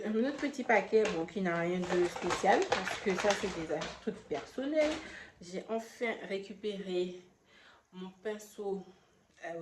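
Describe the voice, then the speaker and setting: A woman's voice: medium pitch, mellow. A woman who is a beauty vlogger and makeup artist, chatting casually through a product haul with a French accent, hesitating and stumbling over product names. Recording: echoey room, faint background noise.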